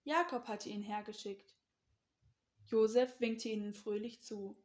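A woman who leads a children's church service, telling a Bible story in slow, clear, gentle narration. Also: mid-range voice, steady tone.

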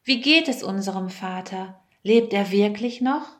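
A woman's voice: medium pitch, measured pace, natural voice. A woman reading aloud and voicing a powerful man who is overcome with emotion in a storybook tale. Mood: moved. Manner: moved, calling out. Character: powerful man, emotional ruler, forgiving brother.

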